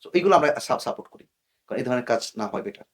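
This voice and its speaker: A man's voice: medium pitch, lively intonation, rapid-fire. Earnest man explaining as an interview guest. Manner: earnest, cautionary, mixes English words into his speech. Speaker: guest expert.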